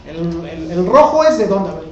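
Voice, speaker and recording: A man's voice: high-pitched, sing-song, normal speed, darkish tone, echoey room, muffled recording. A male teacher, giving a casual classroom lecture full of rhetorical questions to the class.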